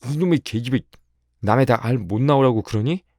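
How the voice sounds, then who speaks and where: Male reader playing an angry teen farm boy, loud, pitched up. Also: brisk, no room sound, studio quality, lightly acted. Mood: furious. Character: hot-tempered teenage farm boy, shouting angrily.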